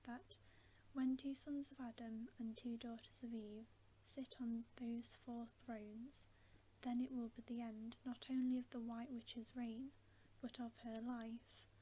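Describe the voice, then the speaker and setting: A woman's voice: fairly high pitch, dark tone, slight background noise, rough recording. A woman voicing an earnest, cautious male talking beaver in an emphatic whisper for a storybook.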